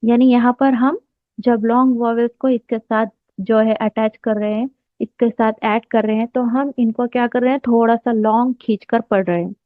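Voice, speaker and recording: A woman teaching a slow explanatory language lesson, patiently repeating each term while she writes it out. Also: fairly high pitch, fairly even intonation, no echo. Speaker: Arabic teacher. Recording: dry, tinny phone-like sound.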